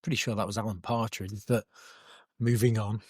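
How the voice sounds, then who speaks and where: A man's voice: fairly low pitch, flat delivery, moderate pace, breathy edge, dry recording. Dry, sardonic podcast man. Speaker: podcast co-host. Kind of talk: casual chat. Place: cabin in the woods.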